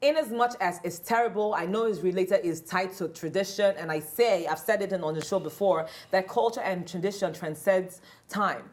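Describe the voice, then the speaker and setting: A woman's voice: fairly low pitch, normal speed, few pauses. A woman co-hosting a talk show, arguing in a casual panel debate and acting out quoted people as she goes. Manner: animated, acts out quoted people.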